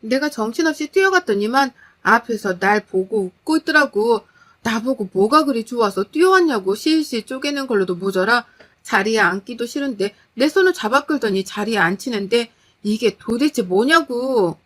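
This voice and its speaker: A woman's voice: on the high side, lively intonation, moderate pace. A woman voicing an upset, tearful younger sister, a young woman complaining in exasperation. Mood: indignant.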